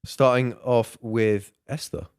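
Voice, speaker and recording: Deadpan sarcastic man. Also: medium pitch, slow pace, clear, resonant tone, no echo, clean studio sound. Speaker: podcast co-host. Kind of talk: casual chat.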